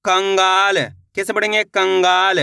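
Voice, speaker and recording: A man's voice: high-pitched, level tone, measured pace, gravelly, sharp tone, clean tone, no room sound, clean studio sound. A man teaching Hindi reading, sounding out each word syllable by syllable and repeating it, encouraging his viewers. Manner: encouraging, addresses viewers as friends. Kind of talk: slow spelled-out reading lesson.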